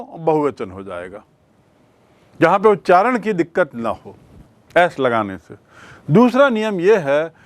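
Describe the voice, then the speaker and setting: Slow, patient Hindi-accented male teacher. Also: sits high, no room sound. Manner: patient, repeats key words as questions to the class. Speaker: English grammar teacher. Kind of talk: classroom lesson explaining rules.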